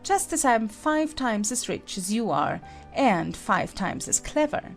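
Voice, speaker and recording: A woman playing an imperious, snappish Red Queen in a dramatized storybook, brisk, bossy and quick to contradict. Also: fairly high pitch, big pitch swings, faint music behind. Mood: haughty, bossy. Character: imperious, snappish Red Queen, a haughty chess-piece monarch. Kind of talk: dramatized audiobook acting.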